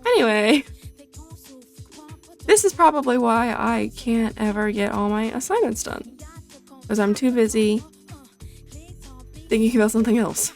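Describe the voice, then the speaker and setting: A young woman rambling casually through gaming commentary, chatty and full of tangents, enunciating clearly. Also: fairly high pitch, measured pace, long pauses, faint music behind. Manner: chatty, tangent-prone, self-deprecating. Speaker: gaming streamer.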